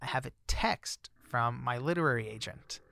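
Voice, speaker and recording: In a gravelly medium-pitched voice at a moderate pace, a man tells a personal story as a guest author. His delivery is chatty and heavy on fillers, picking up excitement when surprises come up, and there's no echo.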